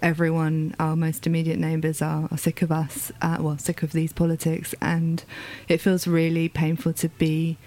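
A woman hosts a conversational interview in a lowish voice. She speaks in a measured way, with occasional fillers. Her pitch barely moves. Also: completely flat delivery, warm tone. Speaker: host.

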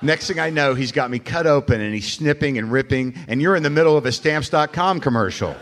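A man's voice: medium pitch, animated, brisk. An American man, a comedian and host, talking informally and profanely on stage at a live show. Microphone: stage microphone. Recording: live room with faint background noise.

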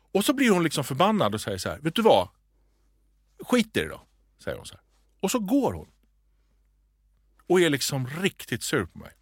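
A man co-hosting a podcast, telling a story in a casual, animated way and acting out the voices he quotes. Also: on the high side, no echo, clean studio sound. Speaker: podcast co-host.

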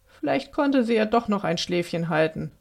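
A woman's voice: medium pitch, expressive, normal speed, vocal fry, darkish tone. Woman reading a children's story aloud.

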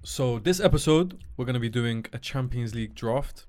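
A man's voice: medium pitch, lively intonation, normal speed, darkish tone. A man hosting a podcast in casual, slangy chat. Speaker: podcast host.

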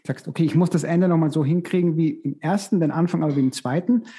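A man's voice: fairly high pitch, fairly even intonation, fast, mellow, husky. A man who works in casting, talking casually and reflectively, giving practical advice with frequent restarts. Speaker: casting director. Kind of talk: casual expert discussion.

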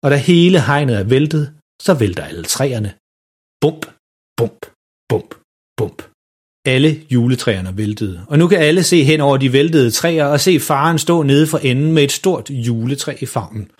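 Slightly husky male storyteller. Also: mid-range voice, expressive. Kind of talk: children's story reading.

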